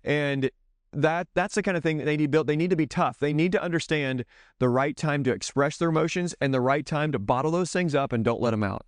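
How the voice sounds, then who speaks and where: A man's voice: fairly high pitch, fairly quick, smooth, no echo, studio quality. A middle-aged man talking to other parents in a casual teaching style, earnest and rambling, often stopping to correct himself.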